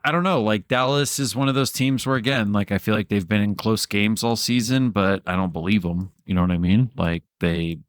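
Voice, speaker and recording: A man's voice: fairly low pitch, fairly even intonation, brisk, hardly any pauses, no echo, studio quality. A man co-hosting a fantasy football podcast, rambling in casual chat, with laughs and swearing. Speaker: podcast co-host.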